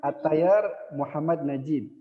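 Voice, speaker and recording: A man's voice: a little high, slow, in a large hall, narrow, tinny audio. A male teacher running an online Arabic lesson, patient and adding a short "ya" after most phrases.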